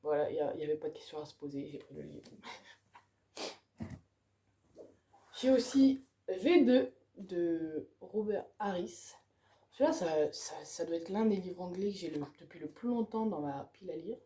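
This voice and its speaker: A book vlogger with a fairly low, mellow voice talks about her reading pile in a casual, enthusiastic way. She's animated but unhurried, and she tends to end her phrases with "quoi."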